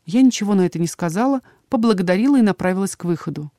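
A woman narrating a first-person fantasy audiobook in a measured, expressive way, on a close mic. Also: mid-range voice, no echo.

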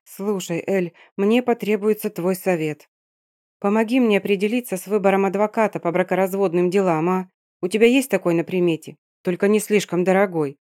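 A woman voicing Darya, a flustered young woman who talks quickly, pleading and apologetic, reading in a dry room. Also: mid-range voice, steady tone, darkish tone, no room sound, close to an everyday voice. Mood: hesitant.

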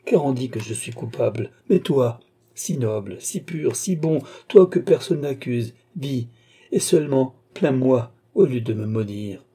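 A man's voice: medium pitch, expressive, a little slow, mellow, husky. A man voicing a proud young noblewoman in anguish as he reads a novel aloud, his voice pleading and defiant.

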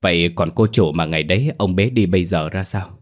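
A man voicing a gentle, sorrowful older foster mother in a spoken storybook. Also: deep voice, a little fast. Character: older woman, grieving devoted foster mother.

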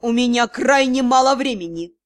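A woman reading an audiobook, voicing a furious male dark-lord magister in a hoarse, menacing voice. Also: lowish voice, normal speed, no room sound, voice pushed down, lightly acted. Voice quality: hoarse, growling. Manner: threatening, icy, commanding. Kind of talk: audiobook character voice.

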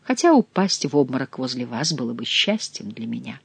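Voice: medium pitch, lively intonation, moderate pace, no room sound, close to an everyday voice. A reader voicing an amorous, gallant young king who talks tenderly and effusively to his beloved.

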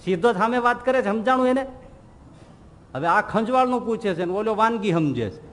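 A swami giving a sermon, telling funny stories and acting out the people in them. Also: male voice, sits high, fairly quick. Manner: lively storyteller, acts out characters' lines and chuckles at his own jokes. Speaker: swami giving a scripture discourse. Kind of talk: sermon with humorous anecdotes. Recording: long hall reverb with faint background noise.

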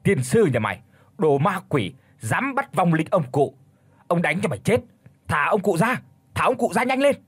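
Brief: wild young villager in an audio tale, frantic shouted curses, husky and high, voiced by a man. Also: big pitch swings, moderate pace, full character voice. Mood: frenzied. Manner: frantic cursing and yelling. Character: frenzied young village man cursing a haunted tree.

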